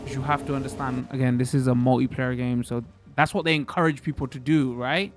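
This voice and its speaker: Male gamer, casual play-along commentary, mid-pitched, hesitant thinking aloud, faint music behind. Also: steady tone, brisk. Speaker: gaming video host.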